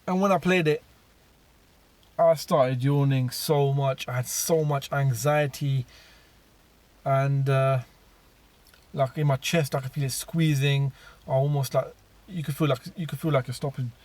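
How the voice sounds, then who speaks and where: A man's voice: medium pitch, fairly even intonation, measured pace, darkish tone. A man telling his personal story in a casual monologue, rambling with many fillers and restarts.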